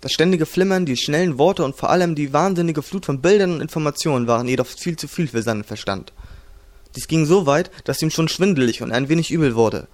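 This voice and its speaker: A man narrating a fantasy audiobook in a calm, even reading voice. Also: fairly high pitch, fairly quick. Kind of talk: storybook narration.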